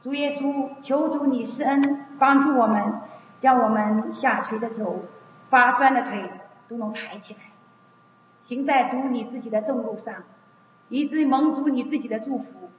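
A hoarse woman leads a fervent prayer, her pleading phrases circling back again and again. Her voice sits a little high. It rings through a long, echoing hall on a dull, muffled recording. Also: normal speed, slight background noise. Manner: repetitive, pleading cadence. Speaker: prayer leader. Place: church meeting room.

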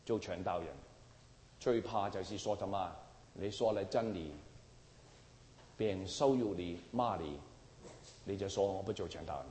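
A man's voice: low voice, unhurried, long pauses, a little mellow, slight background noise. A man preaching a sermon emphatically, often asking the congregation rhetorical questions. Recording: roomy hall with long reverb.

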